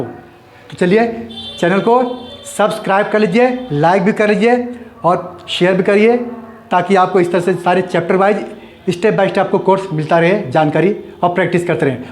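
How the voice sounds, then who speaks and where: High-voiced man teaching grammar in an echoey room. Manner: repetitive, explains step by step, asks and answers his own questions. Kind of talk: classroom grammar lesson.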